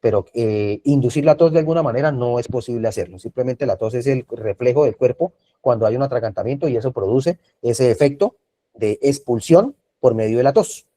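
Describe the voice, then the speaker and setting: Man, Colombian Spanish accent, first aid instructor, mellow voice, video call class, repeats points and checks in. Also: mid-range voice, a little fast. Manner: repetitive, checks in with frequent tag questions. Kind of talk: online class lecture.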